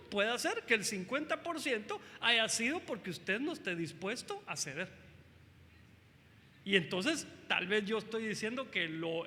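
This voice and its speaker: At a family church service in a large hall, a man preaches as pastor, emphatic and animated, putting questions to the congregation. His voice sits high.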